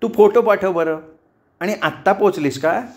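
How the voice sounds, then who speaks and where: A man's voice: high voice, normal speed, pitched above the performer's own voice. A man voicing a worried, suspicious middle-aged mother questioning her daughter. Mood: fussing. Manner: suspicious, fussy.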